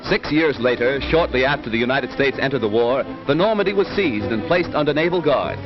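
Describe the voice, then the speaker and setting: A man's voice: medium pitch, animated, a little fast. A man narrating a 1940s newsreel in an emphatic, rousing, declamatory style, on an old newsreel soundtrack. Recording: dull lo-fi 1940s film sound with music. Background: music.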